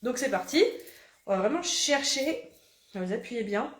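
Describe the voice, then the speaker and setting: A woman coach guides a quick morning self-massage routine, chatty and playful and ready to laugh at herself. She puts on a southern French accent, and her voice sits a little high. The recording has an echoey room sound. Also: lively intonation. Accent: put-on southern French. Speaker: body coach.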